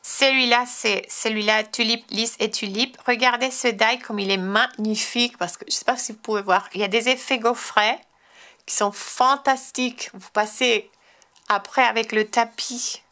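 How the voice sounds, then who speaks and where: A woman's voice: fairly high pitch, steady tone, normal speed, pushed and bright. A French woman hosting a crafting tutorial, chatting casually and enthusiastically as she shows her cards. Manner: chatty, enthusiastic, frequent restarts and fillers. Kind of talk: casual show-and-tell tutorial.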